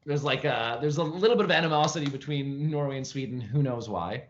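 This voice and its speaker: A man, an actor, chatting animatedly in a casual interview, telling stories with lively jumps in his voice. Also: medium pitch, fairly quick. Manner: frequent fillers and restarts, chatty. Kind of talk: casual interview over video call. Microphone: video call from home. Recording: lo-fi video call audio.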